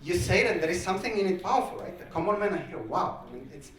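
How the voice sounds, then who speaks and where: A man's voice: high-pitched, expressive, quick pace, a bit bright. A man running a workshop. He gives instructions with many fillers and encourages the groups. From Czech Republic. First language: Czech. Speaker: workshop facilitator. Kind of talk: workshop facilitation. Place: large conference hall. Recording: echoey hall, speaker far from mic.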